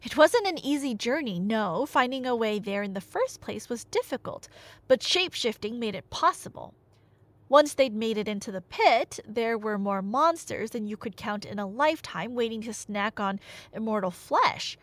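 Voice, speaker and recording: Speaking at normal speed in a dry recording, a woman with a high voice rambles animatedly and nerdily. As an audio roleplay performer and storyteller, she retells myths in a casual, comic way, using slang and interrupting herself with asides.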